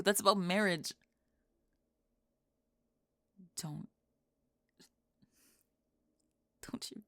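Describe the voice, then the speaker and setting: In an intimate ASMR audio drama, a young adult woman plays a goth college student who is defensive and sharp-tongued, masking a crush with clipped, halting, emphatic phrases. She sounds indignant and flustered. Her medium-pitched voice is close to an everyday one, recorded very dry and close with no echo.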